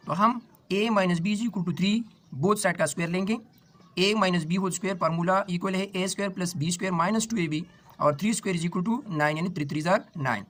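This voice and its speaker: A man with a Pakistani Urdu accent, a maths teacher working through an exam paper, reading each question slowly and then explaining it quickly. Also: high-pitched, a bit bright. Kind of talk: exam paper walkthrough lesson.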